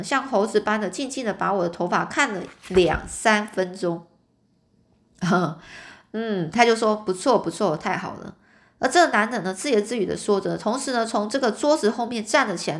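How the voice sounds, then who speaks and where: A woman's voice: medium pitch, expressive, brisk. A woman reading a detective storybook aloud in a casual way, with many filler particles.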